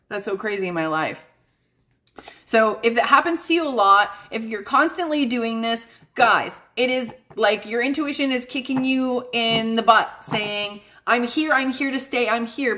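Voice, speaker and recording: A woman in her thirties talks straight to her viewers in a live stream. Her voice is bright and fairly high. She is chatty and emphatic and keeps calling out to her audience as she gives psychic readings. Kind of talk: casual live-stream talk.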